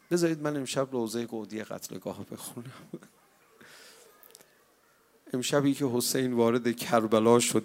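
Gravelly man giving an impassioned mourning recitation. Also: mid-range voice. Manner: impassioned, swelling to loud cries. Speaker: eulogy reciter.

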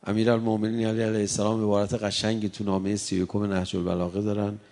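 A man preaching a sermon, reciting Arabic verses and swinging between hushed, intimate passages and impassioned rises. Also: fairly low pitch, little pitch movement.

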